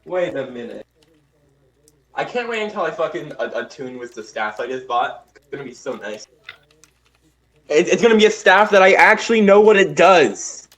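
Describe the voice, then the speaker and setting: A man chatting casually as a player in an online tabletop game, swearing freely and exclaiming loudly. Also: a little high, very animated, moderate pace.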